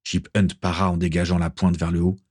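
A man narrating an adventure story in a steady, even reading voice. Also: sits low, brisk, no echo, studio quality. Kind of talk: audiobook reading.

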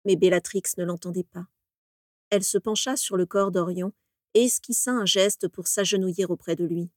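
A woman narrating a dramatic story in a measured, steady reading voice. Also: on the low side, dry recording, studio quality.

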